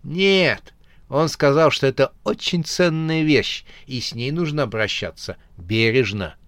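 A meek young ghost who stubbornly repeats himself in a flat, plain voice, as a man reads him. The delivery is slow and unhurried. The sound is dry and close. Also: medium pitch, dry recording, voice pushed up, close to an everyday voice.

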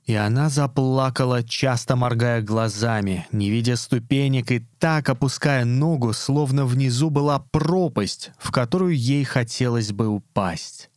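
A man giving a measured, solemn literary narration of a short story. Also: mid-range voice, a little mellow, no echo, studio quality. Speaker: reader.

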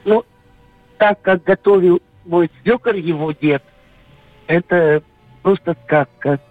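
A middle-aged woman calling in to a radio show over a landline phone, talking haltingly with many pauses and fillers. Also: fairly low pitch, expressive, dry recording. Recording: tinny phone line, faint music behind.

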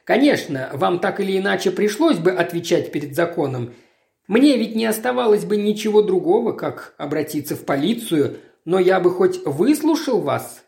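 A woman reading the lines of an earnest man, a writer, speaking in a calm, explanatory way. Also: lowish voice, normal speed, creaky. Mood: gentle. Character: earnest male writer, compassionate then angry. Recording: roomy echo.

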